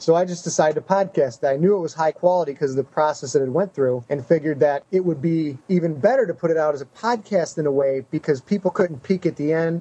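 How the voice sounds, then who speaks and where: A man's voice: a little high, mellow, no echo, muffled recording. A man being interviewed about the novel he podcasts, talking in a chatty, self-deprecating way and laughing often. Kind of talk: casual interview answers.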